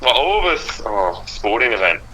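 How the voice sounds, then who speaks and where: A man's voice: fairly low pitch, sing-song, normal speed, noisy background. An Australian man chatting casually as a guest on a podcast, in a laid-back, hesitant, plain-spoken way. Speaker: guest, race driver and car graphics designer. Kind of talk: casual podcast interview chat.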